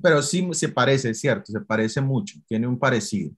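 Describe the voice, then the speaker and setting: A man's voice: mid-range voice, lively intonation, fairly quick, a bit bright, slightly rough. A man teaching English to Spanish speakers in an online class, explaining patiently, step by step, with many fillers.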